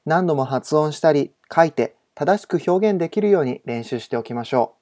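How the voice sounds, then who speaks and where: A man teaching English in a recorded home-study lesson, giving polite instructions and reading example sentences slowly and carefully. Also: fairly high pitch, animated, a little mellow.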